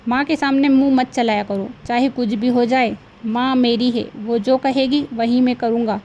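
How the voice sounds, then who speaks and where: A woman's voice: on the high side, fairly even intonation, moderate pace, a little mellow, dull audio, a little hiss or hum, natural voice. A woman doing a stern grown son. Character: grown son, firm and loyal to his mother.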